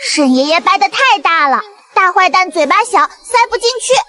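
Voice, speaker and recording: A woman voicing a sweet, clingy little girl in an animated drama, talking in cutesy baby talk and calling herself by name. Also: very high voice, moderate pace, heavily acted. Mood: coaxing.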